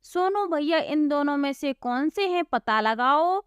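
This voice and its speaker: A woman's voice: high-pitched, lively intonation, unhurried, no room sound, studio quality. A woman doing an earnest simple village lad. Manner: earnest, pleading. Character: simple-hearted young village laborer man.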